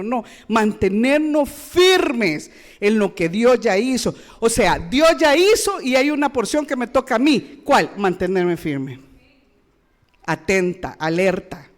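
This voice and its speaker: A woman pastor, preaching a sermon with rhetorical questions and playful asides. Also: a little high.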